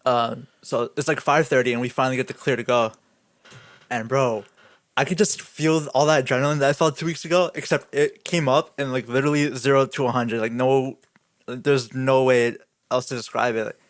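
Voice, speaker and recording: A man's voice: mid-range voice, dry recording. A young man co-hosting a podcast, telling a story in a casual way, laughing often and saying "like" a lot. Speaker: podcast co-host. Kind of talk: casual chat.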